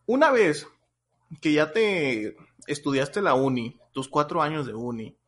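Youngish mexican guy hosting a podcast, voice a bit high, just chatting. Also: a bit bright. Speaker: podcast host. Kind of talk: casual chatty podcast talk.

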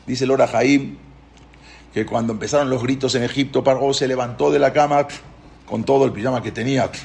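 A man's voice: medium pitch, steady tone, a little fast, vocal fry, darkish tone. A man teaching a Torah lesson, telling the story dramatically and asking his listeners questions.

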